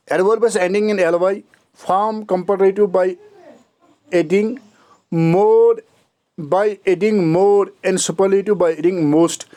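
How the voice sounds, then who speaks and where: A man gives a recorded English grammar lecture. His voice sits high and he reads the rules at a slow, measured pace. He backs each rule with plain examples. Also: darkish tone. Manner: slow dictation-like reading of English rules, then fast explanation in Hindi; explains with examples.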